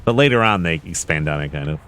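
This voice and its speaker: A man's voice: low voice, animated, fast talker, a bit bright, a little hiss or hum. A man giving casual, rambling commentary on a game, informal and sweary like an enthusiastic fan. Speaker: video game reactor and commentator. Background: game music and artillery fire.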